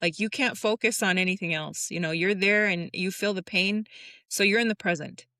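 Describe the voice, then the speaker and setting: A woman's voice: mid-range voice, normal speed, pushed and bright, dry recording. A woman in her thirties, a tattoo artist guest, speaking openly and personally in a casual interview. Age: 30s. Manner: open, personal, rambling with restarts.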